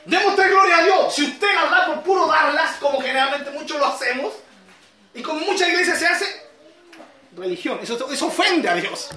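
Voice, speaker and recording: A Chilean man preaching a sermon in a high, bright voice. He drops to soft asides, then climbs to shouted, emphatic peaks. He sounds set back from the mic in an echoey room. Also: expressive, normal speed, far from the mic. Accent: Chilean Spanish. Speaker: pastor.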